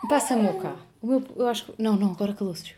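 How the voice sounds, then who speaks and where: A woman in her thirties with a European Portuguese accent, hosting a casual podcast chat as a lively storyteller who swears freely. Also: mid-range voice, fast, noisy background. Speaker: podcast host.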